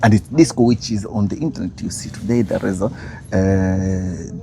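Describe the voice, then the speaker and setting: A Kenyan man hosts a casual street conversation, chatting loosely and hesitantly with plenty of "uh" and "yeah." His voice sits low with a dark tone at normal speed, and crowd noise can be heard behind him.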